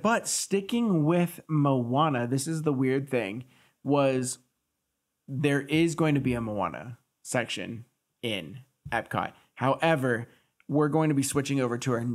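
Man, 30s, podcast co-host, casual jokey chat, animated, desk mic, small studio. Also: medium pitch. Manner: animated, gestures a lot, jokey. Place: small studio set, indoors. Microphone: desk mic on stand.

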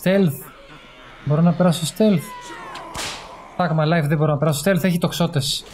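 Excitable male gamer commentating play. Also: on the high side, faint music behind. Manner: excitable, yelps and swears in English when surprised. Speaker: gaming streamer. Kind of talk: casual gameplay commentary. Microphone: gaming headset.

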